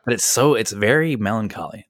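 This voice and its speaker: A man's voice: lowish voice, expressive, brisk, no echo, studio quality. A man co-hosting a casual chat, joking and self-deprecating. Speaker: podcast co-host.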